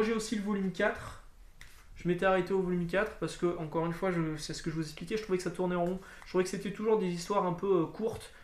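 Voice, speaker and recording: A man talks through a comic book review in a loose, rambling way, full of fillers and restarts. His voice sits a little high, and the room around him gives a clear echo. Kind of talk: casual video review.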